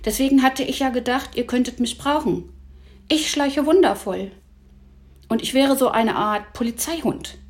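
A woman doing a tiny eager boy, very high, earnest, storybook. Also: moderate pace, lightly acted.

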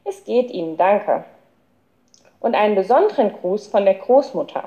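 A cheerful little girl chatters in a chirpy, raised voice, as a woman reading a storybook puts her on. Her pitch hops around brightly. The underlying tone stays soft and mellow. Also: big pitch swings, normal speed, highs cut off, natural voice.

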